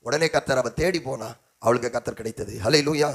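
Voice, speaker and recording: A man's voice: medium pitch, a little fast, fairly bright tone, breathy edge. A man preaching a sermon as pastor, with a Tamil accent, calling on the congregation to answer and repeating phrases in rising, rhythmic exhortation. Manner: call-and-response preaching, prompting the congregation.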